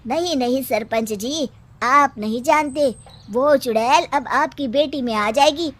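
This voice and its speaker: A woman voicing an excited young village man who speaks with urgent alarm. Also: high-pitched, a little slow. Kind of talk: cartoon voice acting.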